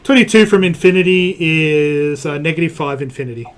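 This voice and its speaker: Slightly high-voiced male game master. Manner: halting, full of fillers while describing scenes. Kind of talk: narrating a tabletop game.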